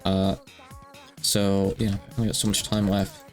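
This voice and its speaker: A man's voice: low voice, monotone, unhurried, soft background music. A man in his thirties chatting casually on a livestream, rambling and self-deprecating with lots of fillers. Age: 30s. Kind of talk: casual stream chat.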